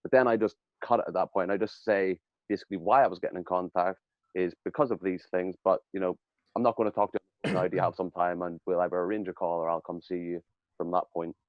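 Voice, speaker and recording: A man's voice: deep voice, fairly even intonation, quick pace, no echo. A man hosting a podcast, talking bluntly and casually and swearing now and then. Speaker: podcast host, agency owner. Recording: dull lo-fi mic.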